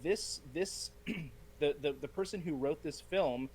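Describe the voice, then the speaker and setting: A man in a casual film discussion who argues his points with animated storytelling. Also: fairly high pitch, a little slow, a little hiss or hum, rough recording. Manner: animated storyteller who acts out quoted lines. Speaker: podcast panelist.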